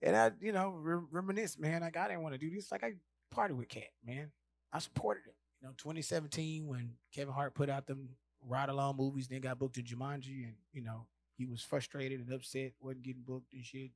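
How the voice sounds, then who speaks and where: A man from Houston, telling a stand-up story in a profane, animated way. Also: mid-range voice, a little fast, gravelly. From Houston, Texas. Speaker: comedian.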